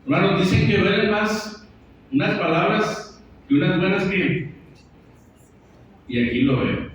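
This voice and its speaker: A man's voice: a little high, slight background noise. A man preaching a sermon in a church, talking in a conversational way and answering his own questions. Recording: echoey church from far off, dull.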